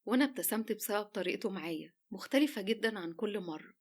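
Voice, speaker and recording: A woman with an Egyptian accent narrating a first-person romance story in a lively, chatty way. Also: medium pitch, fast talker.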